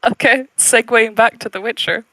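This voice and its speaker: Lady cohost, chatty n teasing, crisp bright tone, no room echo. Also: fairly high pitch, fairly even intonation, moderate pace. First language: Norwegian. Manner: chatty, teasing, laughs often. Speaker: podcast co-host. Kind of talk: casual chat.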